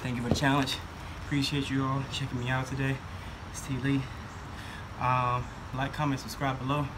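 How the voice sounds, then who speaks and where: Male fitness vlogger, casual and flat in pitch, outdoor camera audio with clear noise. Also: normal speed. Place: outdoors on a residential driveway. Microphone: camera a few meters away. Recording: noisy outdoor camera audio, background hum.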